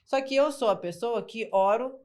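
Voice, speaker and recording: A woman guest in a casual interview telling her story in a lively, frank way. She talks colloquially with slang and fillers, and often acts out what people said. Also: on the high side, moderate pace. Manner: lively storyteller who acts out quoted dialogue. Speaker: interview guest, business owner.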